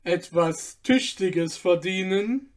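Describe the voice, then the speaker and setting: Man reading a sly slave, persuasive, slow and measured, storybook fairy tale. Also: high-pitched. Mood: coaxing. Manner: coaxing, persuasive. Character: sly male slave on an errand.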